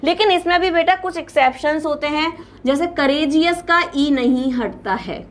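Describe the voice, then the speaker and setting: A woman with an Indian accent teaches an exam-prep English lesson, explaining step by step and checking in with her students. She speaks at a high pitch and moderate pace.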